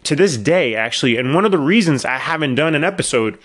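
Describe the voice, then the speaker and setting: Talking fast and animated, this middle-aged podcast host pitches his voice on the high side with a fairly bright tone. Alone on his own show, he rambles through long stories peppered with wry asides, his voice slightly worn from being ill.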